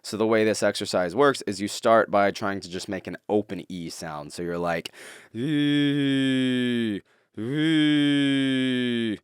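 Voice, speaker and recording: A man's voice: low-pitched, fairly even intonation, normal speed, hardly any pauses, clear, resonant tone. A man giving a tutorial on vocal technique, explaining things step by step as a teacher.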